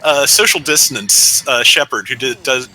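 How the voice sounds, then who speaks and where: A man from Canada chatting calmly on a game stream as a guest, in a measured, laid-back way like a golf announcer. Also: medium pitch. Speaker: guest gaming YouTuber. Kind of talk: casual chat on a game stream.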